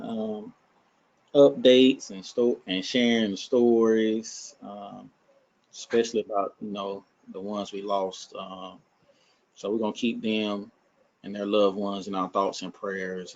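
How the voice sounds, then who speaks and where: A man with an Alabama accent speaks in a fairly low voice. He talks casually, like the host of a support meeting. The sound is somewhat dull, as on a video call. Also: a little mellow. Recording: muffled video-call audio.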